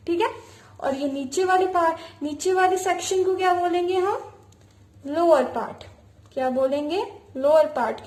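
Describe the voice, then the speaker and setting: A woman with a high voice gives a beginner abacus lesson in a room with a noticeable echo. She keeps asking questions and answering them herself, spelling out key words letter by letter. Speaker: abacus teacher. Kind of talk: teaching with call-and-response questions.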